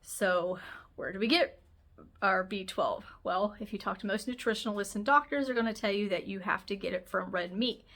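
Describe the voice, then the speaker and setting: A woman's voice: mid-range voice, normal speed, fairly bright tone. A woman hosting a health channel, talking casually to camera in a chatty, rambling way, sounding nasal and congested.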